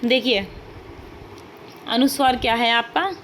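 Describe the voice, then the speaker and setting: A woman's voice: fairly high pitch, measured pace, fairly bright tone, a little hiss or hum. A woman teaching an online class, explaining step by step and repeating key points with frequent checks and rhetorical questions.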